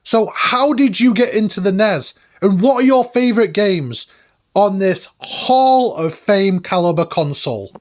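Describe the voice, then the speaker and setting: Higher-pitched man, nostalgic and emphatic. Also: expressive, measured pace. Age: late 30s to early 40s. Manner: emphatic, nostalgic, informal with mild swearing. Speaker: host of a retro gaming countdown. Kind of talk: enthusiastic scripted video commentary. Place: cabin, indoors.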